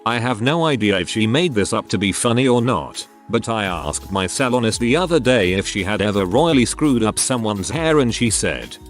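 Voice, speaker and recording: A man narrating online stories aloud in a steady read-aloud storytelling manner. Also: fairly low pitch, normal speed, few pauses, soft background music.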